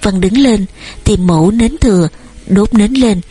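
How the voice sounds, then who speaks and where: A woman narrates an audiobook with a steady, storytelling delivery. Her voice is breathy and slightly husky, with a medium pitch. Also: unhurried.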